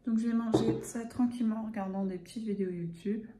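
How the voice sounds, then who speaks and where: A young woman from the Paris area, a student vlogging her week in a casual, rambling way, pausing often with fillers. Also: on the high side, fairly even intonation, reverberant, over a noisy crowd, poor audio. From Paris area, France. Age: young adult. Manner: chatty, rambling, hesitant with frequent fillers. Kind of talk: casual vlog narration.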